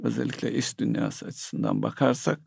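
A man giving economic commentary in a hesitant, analytical way, pausing often with filler sounds. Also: mid-range voice, wildly swooping pitch, gravelly, darkish tone, breathy edge, no room sound, clean studio sound. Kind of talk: analytical discussion.

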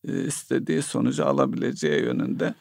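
A man giving economic commentary in a hesitant, analytical way, pausing often with filler sounds. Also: medium pitch, big pitch swings, creaky, a little mellow, dry recording, studio quality. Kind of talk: analytical discussion.

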